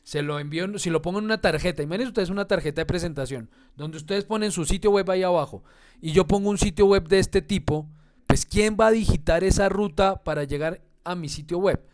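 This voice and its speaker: A man's voice: high-pitched, fairly quick, darkish tone. A man who teaches an online class. He explains step by step and keeps checking in with his students. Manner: explanatory, talks to students, asks "¿sí?" and "¿no?" often. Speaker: instructor.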